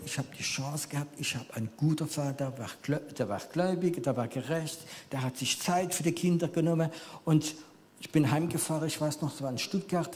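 A French-speaking man in his fifties preaches a sermon in German, telling it like an animated storyteller who shifts from loud emphasis to quiet near-whispers. His pitch is fairly high, and there is slight background noise.

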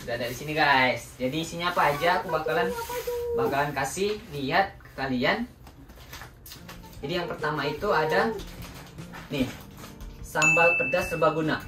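A man's voice: fairly high pitch, normal speed, long pauses. A young man from Indonesia hosting a casual home vlog, chatting to his viewers and often calling them guys. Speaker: vlog host. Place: small room at home, indoors. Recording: roomy, distant sound with background music.

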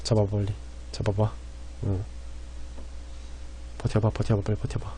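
A man streaming and commentating a game, rambling and excitable, swinging between loud panic and quiet muttering. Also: on the low side, moderate pace, a little hiss or hum.

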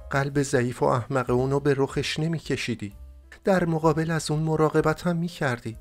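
A man voicing a young, emotional, heartbroken woman in an audiobook, pleading and tearful. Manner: high-pitched, pleading, tearful.

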